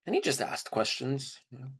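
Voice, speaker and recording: In an informal, reflective first-person monologue, a man performs a dramatized story, voicing the quoted dialogue himself. His mid-range voice swings widely in pitch at normal speed, sounding fairly bright with a breathy edge.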